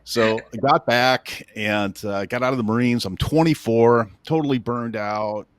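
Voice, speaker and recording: A man's voice: medium pitch, measured pace, no echo. A man in his fifties from northern Illinois, a real estate coach telling his story in a casual interview with a self-deprecating, joking manner. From northern Illinois, USA. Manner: self-deprecating, laughs at his own stories.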